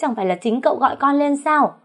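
A young servant girl caught out, wailing pleas and then turning on her lover with shrill accusations, played by a woman storyteller. The voice climbs high when she cries out in this audio drama. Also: animated, unhurried, warm tone. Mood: accusing. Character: young maid caught in affair, pleading then defiant.

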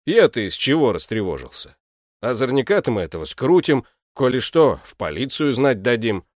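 A man doing a gruff, curt butler. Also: mid-range voice, very animated, moderate pace, dry recording, studio quality. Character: stern weary male household butler. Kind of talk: audiobook character reading.

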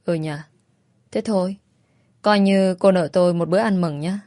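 A woman's voice: on the low side, normal speed, mellow, no echo, clean studio sound, lightly acted. Woman reading a smug, teasing young man.

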